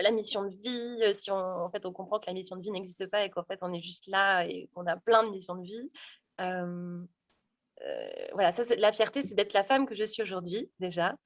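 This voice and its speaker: Talking in a relaxed interview, a thirties-aged woman, both a stage actor and a sophrologist, fills her speech with fillers and frequent restarts. She has a medium-pitched voice captured in a dry recording.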